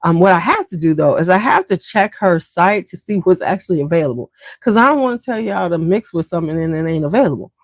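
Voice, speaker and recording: A woman's voice: lowish voice, lively intonation, quick pace, no echo. A woman hosting a beauty livestream, chatting casually and slangily straight to her viewers.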